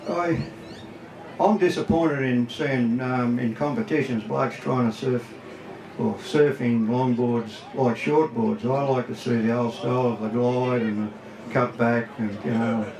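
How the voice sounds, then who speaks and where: An older Australian man reminisces in a plain-spoken, colloquial way. His voice has a gravelly creak, and it comes through roomy and distant from the microphone. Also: mid-range voice, a little mellow. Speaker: guest speaker, veteran surfboard maker. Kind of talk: casual reminiscing before an event crowd. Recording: roomy echo, far from the mic.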